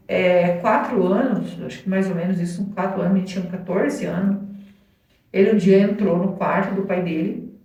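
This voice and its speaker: A woman's voice: mid-range voice, a little mellow. Woman storyteller, very echoey and distant. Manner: rambling retelling with constant "né?" tag questions. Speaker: channel host. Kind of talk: casual on-location storytelling. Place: outdoors on location, dusty corn area. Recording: very echoey, mic far off.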